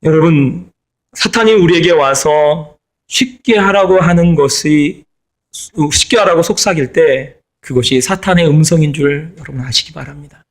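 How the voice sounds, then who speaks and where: A man's voice: on the high side, normal speed. Emphatic middle-aged male pastor preaching. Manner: emphatic, repeats key phrases. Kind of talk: sermon.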